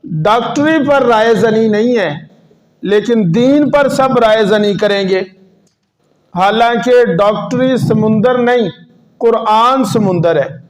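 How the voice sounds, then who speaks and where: A man preaching a sermon as an Islamic preacher, stressing words emphatically and putting questions to the audience. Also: sits high. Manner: questions the audience and urges them to answer.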